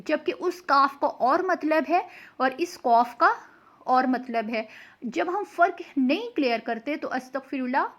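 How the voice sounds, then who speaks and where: A young woman patiently explaining tajweed pronunciation and reciting slow examples as a Quran recitation teacher. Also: sits high. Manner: patient and explanatory, often checks in with "okay".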